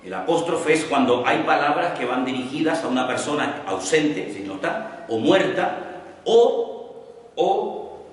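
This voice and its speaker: A male pastor teaches a Bible class, repeating his points slowly so people can note them. His voice comes from some distance. It rings out in a big, echoey church hall with a long reverb tail. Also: mid-range voice.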